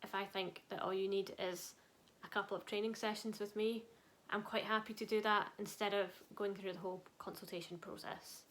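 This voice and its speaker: A young woman with a Glasgow Scottish accent, introducing her channel as an equine behaviourist in an upbeat, clear and informative way with light self-mocking asides. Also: mid-range voice, steady tone, fairly quick, fairly bright tone. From Scotland.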